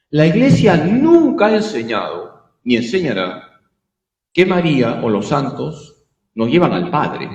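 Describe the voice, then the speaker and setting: A man, a priest teaching a catechism class, animated and asking rhetorical questions he answers himself. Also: a little high. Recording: echoey hall, long reverb.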